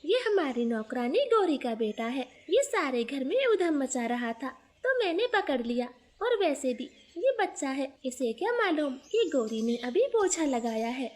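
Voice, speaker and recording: A woman voicing a gentle, patient young wife bird in a cartoon, speaking softly and meekly. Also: high voice, very animated, unhurried, few pauses. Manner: soft, patient, meek.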